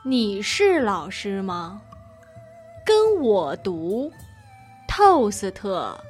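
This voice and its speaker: A woman voicing a strict young female Chinese tutor, drilling her lines crisply in a lesson dialogue. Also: mid-range voice, wildly swooping pitch, very slow, faint music behind, heavily acted. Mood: instructive.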